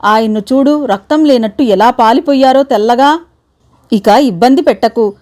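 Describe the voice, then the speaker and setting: A woman voicing a fretful, sharp-tongued older wife, sarcastic and anxious, in a read-aloud story. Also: fairly high pitch, moderate pace, close to an everyday voice. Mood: scolding.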